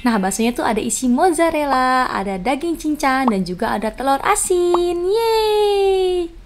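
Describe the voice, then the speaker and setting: A woman's voice: high voice, expressive, a little fast. A woman with an Indonesian accent chatting casually to viewers as the host of an eating video. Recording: noisy, with clicks and clinking dishes.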